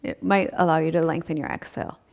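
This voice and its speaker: A woman yoga teacher guides a breathing exercise in short, spaced-out phrases, breathing and sighing audibly between them. Her voice is low, steady and gravelly, and her delivery is slow with frequent pauses.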